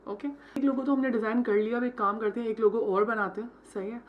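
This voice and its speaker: Her voice a little high and fairly even, this fast-talking woman teaches logo design in a screen-recorded tutorial with dull audio. She works through each step in Hindi laced with English terms, checking in with a "theek hai" after each one.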